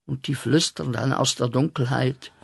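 A man acting a guilt-ridden corporal back from the war, in a radio play, speaking with slow, intense, declaiming rhythm. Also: mid-range voice, steady tone, gravelly, husky, no room sound, studio quality. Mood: weary pleading.

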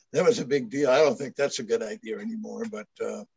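A man's voice: mid-range voice, brisk, gravelly, darkish tone, slightly rough, dry recording. An older man from Maine, a guest telling stories in casual chat, rambling with many restarts. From Maine, USA. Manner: rambling storyteller with frequent restarts. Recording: dull lo-fi dry sound.

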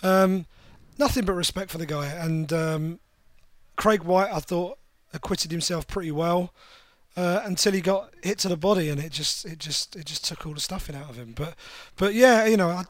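A man's voice: high-pitched, normal speed, dry recording. A man co-hosting a fight podcast, chatting with wry humor and stumbling over repeated words. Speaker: podcast co-host, MMA journalist. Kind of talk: casual post-fight recap chat.

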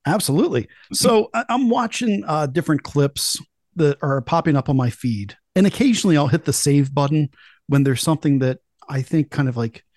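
A man's voice: a little high, animated, a little fast, a little mellow, no echo, studio quality. Chatty talk-show host man. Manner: chatty, sarcastic asides. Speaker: podcast host. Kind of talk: casual talk-show hosting.

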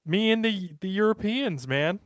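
In a high, animated voice at normal speed, an American man co-hosting a podcast jokes around and rattles off lists of sports names. Slight background noise can be heard.

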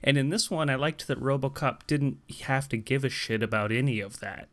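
A man casually discussing a film, retelling scenes with amused, animated energy. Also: mid-range voice, brisk. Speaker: podcast co-host.

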